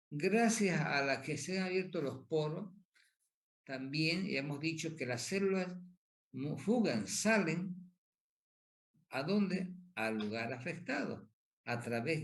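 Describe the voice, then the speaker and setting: Male lecturer, slow, voice a bit high, asks and answers his own questions. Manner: tag questions after points; repeats key points. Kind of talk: pathophysiology lecture.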